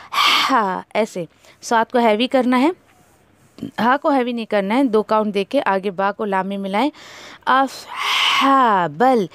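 A woman teacher with a somewhat high voice works through recitation rules. She repeats sounds slowly and patiently to model each one. The recording is dry, with no room sound. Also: no echo. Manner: corrects pronunciation, repeating syllables slowly to demonstrate. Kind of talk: tajweed lesson.

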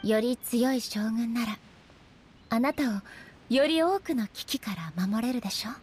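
A woman playing a regal, solemn female shogun and swordswoman in a game, speaking formally and with measured stateliness. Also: a little high, animated, darkish tone, breathy edge, soft background music. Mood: earnest, thoughtful. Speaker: voice actor. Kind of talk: Japanese anime-style game character voice lines.

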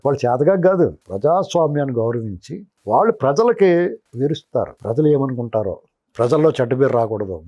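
A man speaks quickly in a dark, mellow voice as a political analyst. His commentary is heated and scolding, as though he is talking straight at the politician he criticizes. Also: fairly high pitch, lo-fi sound. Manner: scolding, addresses the politician directly as you.

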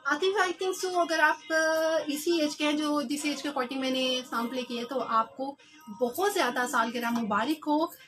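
A woman's voice: high voice, unhurried, fairly bright tone, soft background music. A young Pakistani woman, hosting a live radio show in a small studio, chatting to listeners and mixing in English phrases. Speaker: radio host. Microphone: large studio mic.

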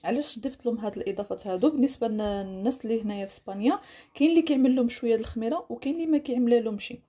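A woman's voice: a little high, rapid-fire, warm tone, husky. A woman with a Moroccan accent narrating a casual cooking tutorial as a home cook, explaining and rephrasing each instruction. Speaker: home cook presenting a recipe.

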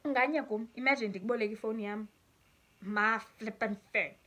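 A woman's voice: a little high, brisk. A young South African woman with a South African accent, reading viewers' stories aloud and reacting with frequent laughter, mixing English and Xhosa. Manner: animated, laughs often, mixes English and Xhosa. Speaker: YouTuber.

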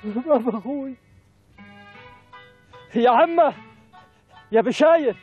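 Passionate Bedouin brother, high voice, Bedouin Arabic, declamatory TV-drama delivery, muffled phone-like sound. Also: male voice, lively intonation, slow pace, exaggerated voice. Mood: overwhelmed joy. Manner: emotional, declamatory, repeating phrases. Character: passionate Bedouin man devoted to his newfound brother. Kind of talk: Bedouin television drama acting. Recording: muffled, phone-like, faint music.

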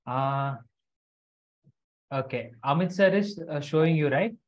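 During a live online lesson, a teacher with an unhurried, medium-pitched voice and lively intonation shows children how to make a craft step by step. Directions are repeated and she checks that they follow, all in dull lo-fi call audio.

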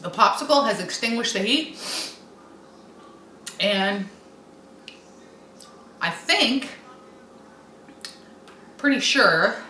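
Middle aged lady talking slow n halting, mouth on fire from hot pepper, bright sharp voice, echoey room. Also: a little high, expressive. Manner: struggling to talk with mouth burning from spicy food, halting. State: mouth and throat burning, clearing throat, puffing out breaths. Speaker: host of a food challenge video. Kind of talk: casual reaction chat to camera. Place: small indoor room with window blinds. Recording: echoey room with faint background noise.

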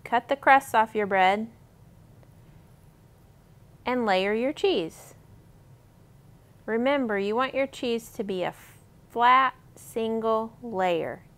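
Speaking slowly with frequent pauses, a woman in her thirties uses a somewhat bright, high-leaning voice to lead a kids' cooking demonstration at the library. She keeps her step-by-step directions simple and encouraging in a friendly way.

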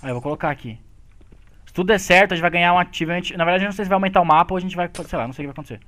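A high-voiced young man with a Brazilian Portuguese accent talks quickly on a voice call. He runs the group's Minecraft game, explaining the goals and giving orders with excitable energy. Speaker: lead Minecraft player. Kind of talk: casual gaming chat with friends.

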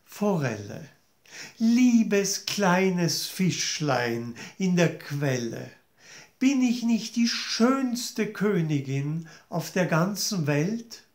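A man's voice: sits high, big pitch swings, drawn-out words, a little mellow, exaggerated voice. A man voicing a vain, jealous queen who sighs and pleads plaintively, in a storybook tale. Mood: sweetly asking. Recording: roomy echo.

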